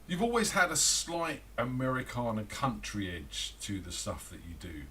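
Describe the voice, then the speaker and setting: A man hosting an interview over a video call, relaxed and conversational with many fillers. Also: medium pitch, moderate pace, slight background noise. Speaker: host. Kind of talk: casual interview chat.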